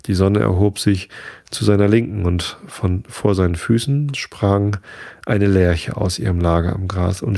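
A man reading a fairy tale aloud in a steady, measured way. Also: low voice, gravelly, dry recording, studio quality. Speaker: narrator. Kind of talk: storybook reading.

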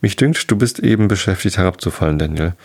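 A man's voice: low voice, fast. A man voicing a sly, courteous old gander who leads a flock of wild geese in a storybook tale.

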